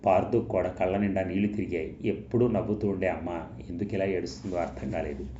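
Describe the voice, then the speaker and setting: A man narrating a novel aloud in steady, measured storytelling, in an echoey, dull recording with a faint hiss. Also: low voice. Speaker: audiobook narrator.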